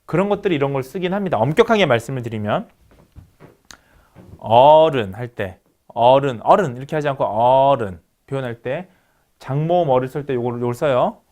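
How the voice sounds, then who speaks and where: A middle-aged man giving a phonetics lecture, patiently repeating sample words slowly and walking students through each sound. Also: mid-range voice, animated, darkish tone. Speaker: university lecturer.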